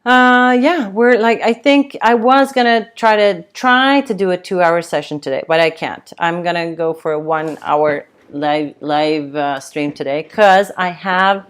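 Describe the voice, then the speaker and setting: A woman's voice: on the low side, smooth. A young woman hosting a casual livestream chat, reading out comments and rambling with many fillers and restarts. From Sweden. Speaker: tattoo livestream host.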